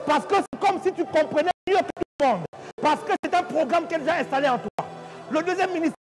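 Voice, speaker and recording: A man preaching a charismatic prayer sermon. He prays fervently, repeats phrases over and over, shouts, and breaks into tongues. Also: extremely high pitch, fast, rough recording. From DR Congo. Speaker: prophet and preacher. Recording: loud music behind the voice.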